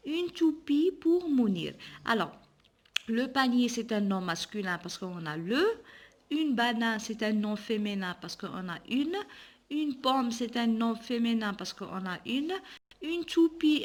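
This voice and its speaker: A woman teacher leads young children through a reading lesson. She talks slowly and patiently, breaking each word into syllables. Her voice sits a little high. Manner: slow and patient, sounding out syllables. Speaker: primary school teacher.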